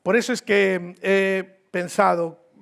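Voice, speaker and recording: This man from Mexico speaks with a Mexican accent in a high, steady voice, taking his time and slipping into vocal fry. He is a visiting pastor preaching a sermon in a church hall, keeping it informal and joking and repeating phrases for emphasis.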